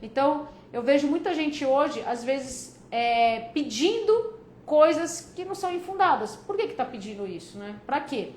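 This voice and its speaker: A woman's voice: sits high, expressive, normal speed, a little mellow. A woman with a São Paulo accent, hosting a casual live stream as a debt advisor and answering viewer questions in a chatty, joking way. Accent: São Paulo Brazilian Portuguese. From São Paulo, Brazil. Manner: chatty and joking, calls viewers "filha" and "cara". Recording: echoey room with faint background noise.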